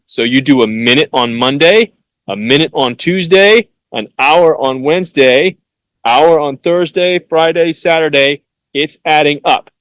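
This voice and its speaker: A man hosting a solo podcast, reading passages haltingly with fillers and restarts, then breaking off into blunt, hectoring asides with some swearing. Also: a little high, fairly bright tone, no room sound, rough recording. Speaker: podcast host.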